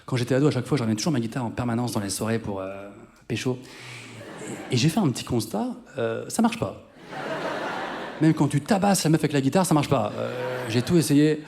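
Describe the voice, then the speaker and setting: A man's voice: medium pitch, lively intonation, fast, gravelly, mellow, slight background noise. A man in his thirties doing live stand-up comedy on a theater stage, chatting with the audience and mocking himself. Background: guitar music.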